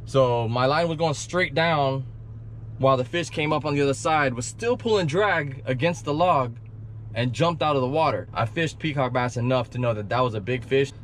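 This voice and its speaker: Fishing outdoors by a canal, and sometimes talking from a car, a man in his thirties vlogs with excited, chatty energy, narrating and coaching casually. His pitch is medium and his pace moderate, and he goes hushed when stalking fish. Captured on an action camera, the outdoor audio carries wind and traffic noise.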